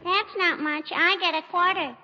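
A woman's voice: very high-pitched, fairly even intonation, normal speed, sharp tone, voice pushed up, heavily acted. A woman voicing a naive, cheeky little girl in 1940s radio comedy, talking in an innocently literal, sing-song way. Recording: dull old radio broadcast with reverb.

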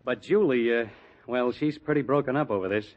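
An actor playing a slick, confident press agent, brisk and persuasive, in an old-time radio drama. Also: male voice, medium pitch, natural voice. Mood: matter-of-fact, persuasive. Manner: brisk, confident, smooth-talking. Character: slick, fast-talking male press agent, breezy and persuasive. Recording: dull, lo-fi old radio recording.

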